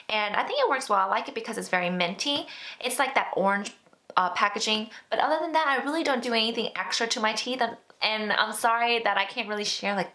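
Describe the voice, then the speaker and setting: A woman's voice: a little high, fairly bright tone. A woman in her twenties chatting casually to her viewers and answering their questions, chatty and self-deprecating, with lots of fillers. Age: 20s. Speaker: beauty vlogger. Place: indoor, seated.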